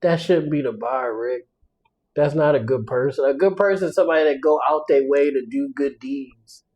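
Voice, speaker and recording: A man's voice: medium pitch, moderate pace, a little mellow, poor audio. A man co-hosting a podcast in casual chat, blunt and profane, often laughing as he talks. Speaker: podcast co-host.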